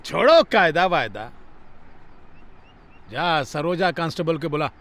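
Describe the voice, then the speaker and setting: An actor playing a bossy, excitable comic police inspector who stammers and scolds, in dubbed film dialogue. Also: male voice, on the high side, unhurried.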